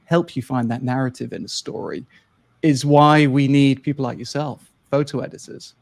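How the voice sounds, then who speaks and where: A man's voice: mid-range voice, steady tone, normal speed, vocal fry, a little mellow, no room sound. A man hosting a podcast interview, a photographer himself, speaking in a conversational, encouraging way as he leads the questions.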